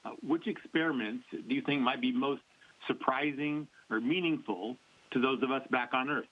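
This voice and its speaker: A man calls in as a reporter to ask a press question. His voice has a middling pitch and arrives over a dull, radio-like line. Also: moderate pace. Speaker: reporter calling in.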